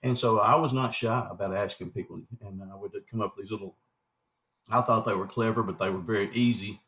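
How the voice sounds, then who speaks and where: A man's voice: on the low side, steady tone, fairly quick, fairly bright tone. A man, telling long folksy stories in an interview. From southwestern Arkansas. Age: 60s. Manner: folksy, acts out quoted dialogue. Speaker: guest, Bigfoot researcher. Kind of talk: rambling storytelling interview. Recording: dull lo-fi recording.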